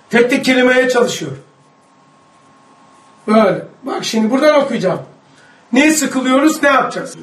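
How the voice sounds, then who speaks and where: A man with a strikingly high voice teaches a religious study lesson to a group of students. He reads aloud from a book and comments with emphatic force, at times raising his voice to a shout. He is recorded from a distance in a room with a strong echo. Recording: echoey room, mic far off.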